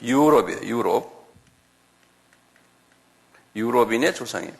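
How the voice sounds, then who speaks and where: A middle-aged man teaching a slow, step-by-step classroom Bible lecture, often asking the class to repeat words aloud. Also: mid-range voice, animated, gravelly. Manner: chuckles, talks directly to students.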